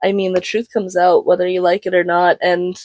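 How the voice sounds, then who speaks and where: A woman's voice: fairly low pitch, level tone, a little fast, darkish tone, no room sound. A woman co-hosting a podcast, speaking reflectively in casual conversation and laughing easily. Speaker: podcast co-host.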